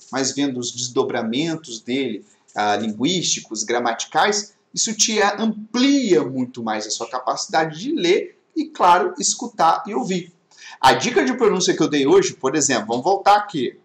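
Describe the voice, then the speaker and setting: Animated male teacher in an echoey room. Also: on the high side. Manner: animated, explains with many rhetorical questions. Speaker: English teacher. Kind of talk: online class. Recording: echoey webinar audio.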